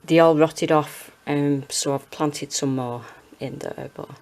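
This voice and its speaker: Monotone, slow-talking British woman. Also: deep voice. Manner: monotone, hesitant, self-deprecating. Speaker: gardening vlogger. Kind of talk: casual rambling garden tour chat. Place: small home kitchen and windowsill, indoors.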